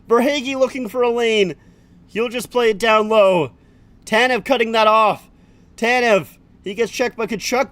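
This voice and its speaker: Streaming a live hockey watch-along, a man calls rapid play-by-play, swears, and chats with viewers between plays. His voice is very high-pitched and a bit bright, in a dry recording.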